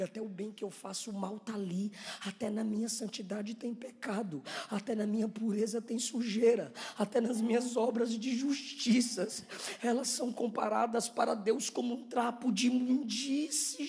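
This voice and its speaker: A man with a Brazilian Portuguese accent preaching a sermon, swinging from hushed storytelling to shouted preaching. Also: high-pitched, moderate pace. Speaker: pastor.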